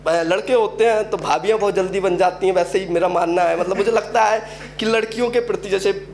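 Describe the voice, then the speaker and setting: High-voiced young man doing stand-up. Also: fairly even intonation, fairly quick, a little mellow. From Uttar Pradesh, India. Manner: storytelling, acts out quoted characters. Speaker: stand-up comedian. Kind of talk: stand-up comedy set. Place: open mic event venue.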